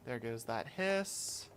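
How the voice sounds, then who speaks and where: A man's voice: medium pitch, background noise. A man streaming a video game, chatting and thinking aloud as he plays. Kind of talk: casual gameplay commentary.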